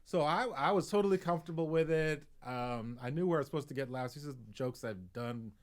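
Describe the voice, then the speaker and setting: A man's voice: a little high, a little fast. A man, a comedian, telling a story on a podcast, acting out the voices of people he quotes and chuckling as he goes. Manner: chuckles through his story.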